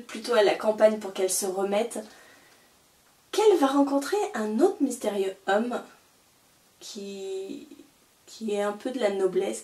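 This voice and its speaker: A young book vlogger eagerly and casually talks through the books she bought, filling her haul video with fillers and restarts. Her mid-range voice is a little mellow, and the roomy recording places her a little far from the mic.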